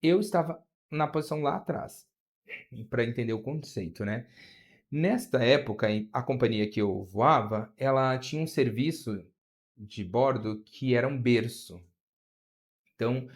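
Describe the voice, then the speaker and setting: A Brazilian man tells a story from his job as a flight attendant during an interview, with a voice of middle pitch. His telling is animated, and he pushes his voice higher as the tension in the story grows. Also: moderate pace. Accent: Brazilian Portuguese.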